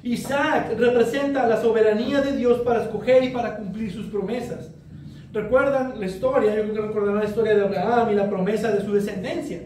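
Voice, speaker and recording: Male pastor, high mellow voice, earnest measured sermon, recorded from afar in a very echoey hall. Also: fairly even intonation, recorded from a distance, a little hiss or hum. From Mexico. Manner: expository preaching, measured and earnest.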